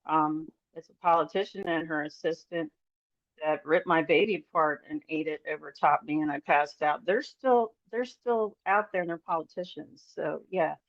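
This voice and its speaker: A woman's voice: low-pitched, moderate pace, no echo. A woman guest in a podcast roundtable, giving a rambling personal testimony full of fillers and nervous laughter. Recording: dull lo-fi audio.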